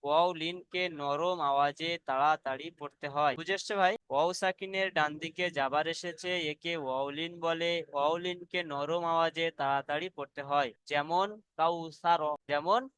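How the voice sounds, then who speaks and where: A man's voice: a little high, steady tone, a bit bright, smooth, no echo. Bengali guy teaching quran reading, patient, says rules over n over, clean voice dry room. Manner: patient, repeats each rule slowly. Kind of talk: correcting and explaining to students.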